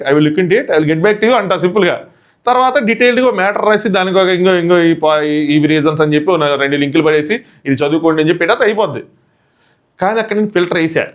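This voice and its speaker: Fast-talking, high-pitched man reviewer. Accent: Telugu. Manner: animated, quick, mixes in English phrases. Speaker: reality show reviewer. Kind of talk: casual commentary.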